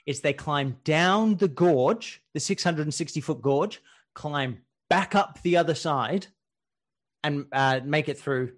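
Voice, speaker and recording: A man co-hosting a podcast, telling a war story in casual chat, animated and laughing often, with casual swearing. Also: on the high side, slow pace. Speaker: podcast co-host telling history stories.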